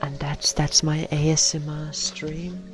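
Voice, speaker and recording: Slow, rambling, joking game streamer. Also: mid-range voice, level tone, over music. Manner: joking, rambling, self-mocking. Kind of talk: live game stream commentary.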